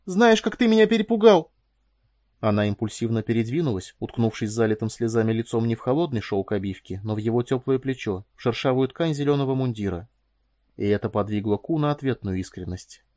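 Man with a calm, measured narration. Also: on the low side, no room sound, studio quality. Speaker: audiobook narrator. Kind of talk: scripted narration.

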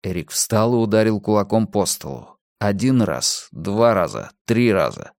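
Male audiobook narrator, urgent delivery, animated pitch, dry recording. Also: a little slow, gravelly, dry recording. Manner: tense, urgent storytelling. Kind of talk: audiobook reading.

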